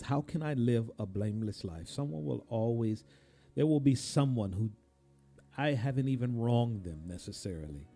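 A man, a pastor, preaching a sermon in a slow cadence that rises suddenly and drops to a hush. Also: fairly low pitch.

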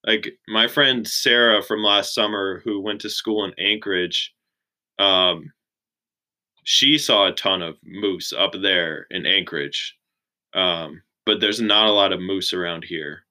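A young man in his twenties chatting casually as an interview guest, relaxed and full of "like" fillers. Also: low-pitched, unhurried, low-quality recording. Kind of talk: casual chat.

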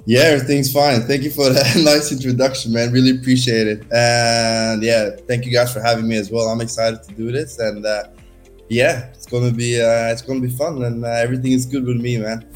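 An easygoing man in his thirties from Norway, talking as a podcast guest. His tone stays flat and even, and he leans on fillers like "uh" and "kinda." Faint music plays behind him. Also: mid-range voice, a little fast. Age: 30s. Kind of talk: casual conversation.

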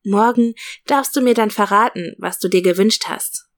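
A gentle, affectionate aunt in a storybook, soothing a child at bedtime, as a woman reads her lines. Her speech stays soft and reassuring throughout. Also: medium pitch, normal speed, close to an everyday voice. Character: warm, gently teasing aunt, adult woman.

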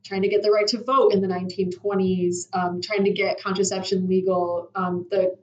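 A woman's voice: mid-range voice, little pitch movement, normal speed, darkish tone, highs cut off. A young woman giving casual, informal explanations as a podcast guest, in a roomy recording away from the mic. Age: young adult. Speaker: podcast guest, doctoral researcher. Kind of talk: casual explanatory interview talk. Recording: roomy echo, distant from the mic.

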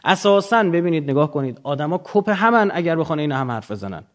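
A man's voice: fairly high pitch, animated. A man lecturing off the cuff to students, didactic, often posing questions and answering them himself.

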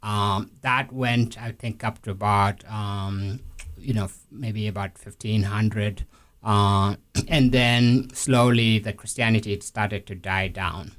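A man's voice: on the low side, steady tone, takes it slowly, a bit bright. A man from South Sudan speaking as an interview guest, thoughtful and hesitant with many fillers and restarts. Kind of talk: conversational interview.

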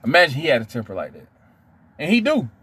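A middle-aged man, chatting casually as a podcast host and telling stories in an animated way. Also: on the high side, fast talker, breathy edge. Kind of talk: casual storytelling chat.

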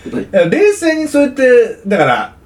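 A man's voice: extremely high pitch, wildly swooping pitch, moderate pace. A man hosting a casual podcast as MC, bantering playfully and teasing his co-host. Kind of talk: casual chat. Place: studio podcast recording.

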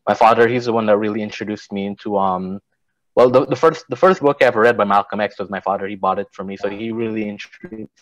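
A man from Guyana, an author and activist, giving measured, thoughtful interview answers. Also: on the low side, fairly even intonation, no echo, dull audio.

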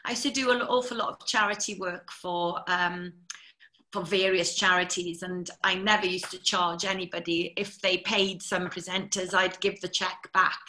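A woman's voice: fairly low pitch, normal speed, low-quality recording. A woman, a TV presenter, chattily telling stories as an interview guest. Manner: chatty, lively storyteller. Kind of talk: anecdotal storytelling.

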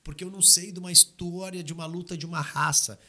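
A man with a bright, slightly high voice, chatting on a podcast into a studio mic. He gets animated as he argues, his voice climbing when he presses a point. It is relaxed, loose conversation. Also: quick pace. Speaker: podcast host. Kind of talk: casual podcast chat. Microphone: studio microphone.

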